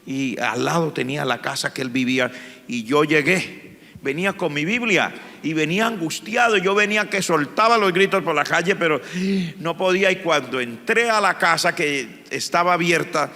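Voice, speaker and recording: A man, a pastor, telling his testimony in a sermon, speaking with strong emotion and sudden loud swells. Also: a little high, normal speed. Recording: long hall reverb.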